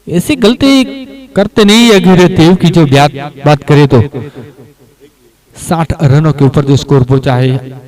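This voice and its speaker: A man giving excited live cricket commentary, stretching words out as the action builds. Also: on the high side, a little slow, long pauses, poor audio.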